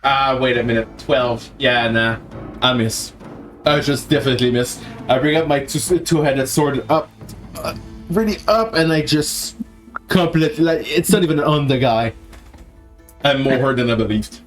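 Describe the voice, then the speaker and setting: A man chatting casually as a player in a tabletop game, animated and joking. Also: medium pitch, moderate pace. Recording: faint guitar music behind the voice. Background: music.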